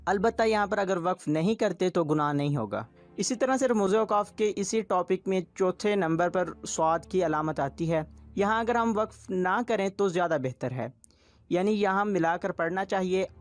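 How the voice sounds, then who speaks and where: A man teaching Quran recitation rules step by step, patient and repetitive in his explaining. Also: sits high.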